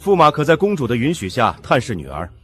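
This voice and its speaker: Formal envoy relaying imperial decree. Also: male voice, medium pitch, huge pitch swings, fast talker, fairly bright tone, soft background music. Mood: official. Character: formal palace envoy relaying an emperor's verbal edict. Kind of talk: formal imperial decree proclamation in period drama.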